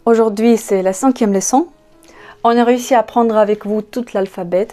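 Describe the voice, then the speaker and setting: A woman with a Russian accent, a native Russian speaker, teaching an online language lesson in a slow, patient way, spelling out letters and repeating each word. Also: a little high, steady tone, dark tone, faint music behind.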